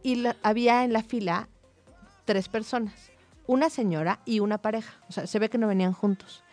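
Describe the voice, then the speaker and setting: Animated Mexican woman telling a story. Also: a little high, a little fast, faint music behind. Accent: Mexican Spanish. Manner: animated, tells anecdotes with quoted dialogue. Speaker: psychologist, guest or co-host. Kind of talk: casual conversational storytelling.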